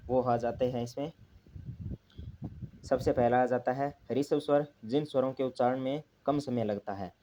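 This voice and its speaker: Guy teaching grammar, dark mellow voice, keeps asking then answering himself. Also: mid-range voice, a little hiss or hum. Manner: repeats key terms, asks and answers own questions. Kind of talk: classroom lesson explanation.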